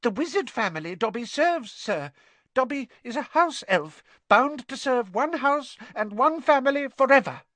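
A reader voicing a small male house elf in a storybook, high-pitched and squeaky, earnest, deferential and easily distraught. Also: expressive, normal speed, a bit bright, no room sound. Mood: anxious, servile. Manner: deferential, speaks of self in third person.

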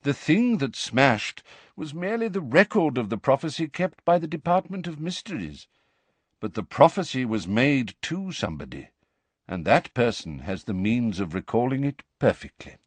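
A man voicing an old male wizard headmaster who speaks in a measured, courteous and gentle way. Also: medium pitch, big pitch swings, husky, no room sound, voice pushed up. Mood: grave.

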